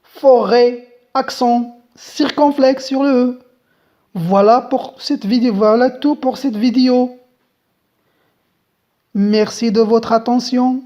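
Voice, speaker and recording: Slow, deliberate French teacher woman. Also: on the high side, steady tone, dark tone, highs cut off. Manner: slow, deliberate, spells out letters; patient, addresses viewers directly. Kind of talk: French grammar lesson.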